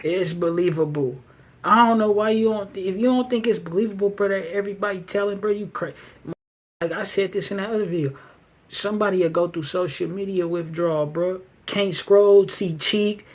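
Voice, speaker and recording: Husky-voiced man hosting street commentary. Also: sits high, moderate pace. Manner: street slang, loose rambling talk. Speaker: show host. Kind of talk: casual commentary.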